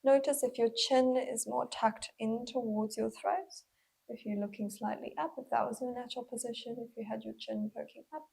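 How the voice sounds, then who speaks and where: A woman leading a guided body scan as a mindful movement instructor, speaking gently and unhurriedly with pauses, in a breathy, slightly husky voice. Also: on the high side, steady tone, low-quality recording.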